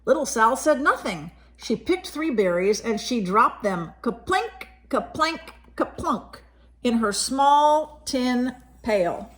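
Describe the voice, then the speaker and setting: Reading a picture book to young children, a woman storyteller performs expressively, stopping to explain the pictures and pose questions. Her voice sits on the high side and sounds expressive and fairly bright.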